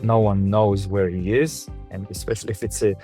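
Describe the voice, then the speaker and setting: A man from Lithuania speaking as a panelist in a discussion, earnest and halting with frequent restarts. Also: lowish voice, steady tone, dark tone, faint music behind.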